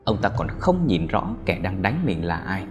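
A man with a fairly low voice narrating a dramatic audio story. His delivery is lively and expressive, rising and falling a great deal. Soft music runs faintly underneath. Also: normal speed.

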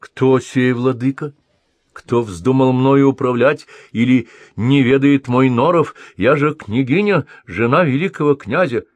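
A willful, haughty princess insists on her rank, played by a man reading aloud. The voice is pushed higher than his own and delivered slowly and deliberately. The recording is dry and close. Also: no room sound, natural voice. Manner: haughty, raised pitch. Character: proud willful princess, haughty and quick-tempered.

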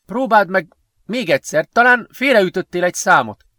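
A man doing a hurried, anxious teenage boy. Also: sits high, animated, pushed and bright, dry recording, studio quality, voice pushed up. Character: nervous teenage boy Sven, code keeper. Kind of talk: audiobook character voice.

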